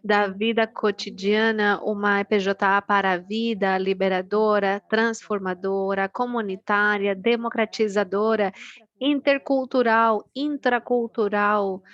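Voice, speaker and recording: A woman giving an earnest, deliberately paced talk as a panelist at an online meeting, slowing down so interpreters can follow. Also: mid-range voice, no room sound, highs cut off. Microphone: video call.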